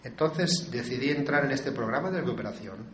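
A man's voice: mid-range voice, animated, fairly quick, fairly bright tone, echoey room, a little hiss or hum. A man giving a personal testimony in an earnest, confessional way, retelling what others said to him. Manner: earnest, confessional storytelling with acted quotes. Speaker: speaker sharing his recovery story.

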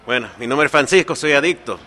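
A US-born man speaks at a recovery meeting, sharing an earnest, confessional personal testimony and frequently tacking on "¿verdad?". His voice is medium in pitch, quick, and sharp in tone.

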